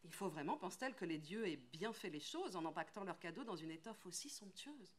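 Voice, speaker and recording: A French actress reading a tale aloud, rhythmic and lilting, leaning on repeated phrases. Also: female voice, lowish voice, animated, fairly quick, slightly rough. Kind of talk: expressive literary reading.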